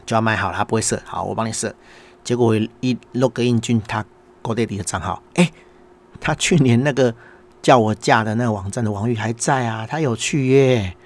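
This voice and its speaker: A man's voice: medium pitch, brisk. A middle-aged man with a Taiwanese Mandarin accent, hosting a casual monologue and telling an exasperated story while acting out the dialogue. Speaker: podcast host, small business owner.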